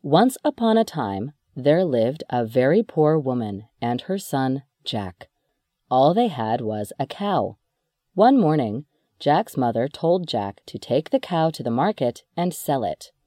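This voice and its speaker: Slow, lively children's storyteller. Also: mid-range voice, no room sound, studio quality. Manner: slow, expressive read-aloud.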